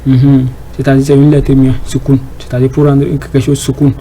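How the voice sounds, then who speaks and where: A man's voice: mid-range voice, monotone, moderate pace, warm tone, low-quality recording. A man giving an informal Arabic reading lesson, hesitant, with many fillers, repeated words and rhetorical questions to the class. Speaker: Arabic teacher.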